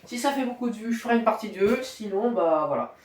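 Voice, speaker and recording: A woman giving casual reaction commentary on a video, excitable, swearing freely and full of fillers. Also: medium pitch, fairly quick, echoey room.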